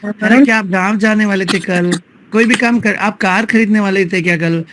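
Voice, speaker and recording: A man's voice: sits high, steady tone, normal speed, noisy background. A man teaching spoken English in an online class with an Indian accent. He moves between Hindi and English, adds tag questions to check on his students, and drills words sound by sound.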